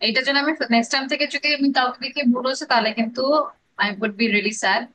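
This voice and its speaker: A woman's voice: fairly high pitch, quick pace, bright, forceful tone, low-quality recording. A woman with a Bangladeshi accent teaching an English grammar class, drilling pronunciation and mixing English phrases into her explanations.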